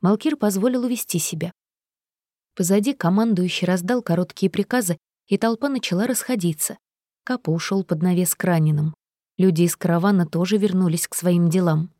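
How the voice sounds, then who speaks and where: A woman narrates a first-person audiobook in an even, steady way. Her voice sits fairly low, and the recording is dry and close to the mic. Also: fairly quick, no echo.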